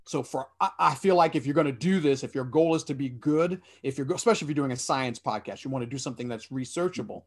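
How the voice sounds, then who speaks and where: Talking fast with hardly a pause, this forties-aged man has a mid-range voice and joins a video-call panel by headset from a small room at home. His manner is earnest and explanatory, with frequent restarts mid-sentence.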